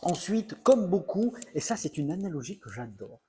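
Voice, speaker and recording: A man's voice: high voice, sing-song, normal speed, dark tone, slightly rough. A middle-aged male comedian telling a self-mocking story in a mock-serious, playfully exaggerated comic monologue.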